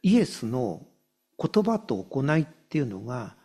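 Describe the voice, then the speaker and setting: A man preaching a sermon as a pastor, reading scripture aloud and stressing key phrases by repeating them and slowing down for weight. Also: medium pitch, sing-song, mellow, breathy edge.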